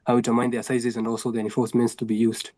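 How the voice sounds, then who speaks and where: Flat, mellow man from Kenya. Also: mid-range voice, very fast, no echo. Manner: repeats himself, restarts phrases. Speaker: class participant. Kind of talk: self-introduction on a video call. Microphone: video call.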